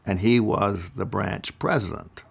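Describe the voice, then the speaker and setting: Slow, gravelly older man. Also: lowish voice. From Idaho, USA. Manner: deliberate, measured delivery with careful pauses. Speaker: speaker giving a personal testimony. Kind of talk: slow first-person storytelling.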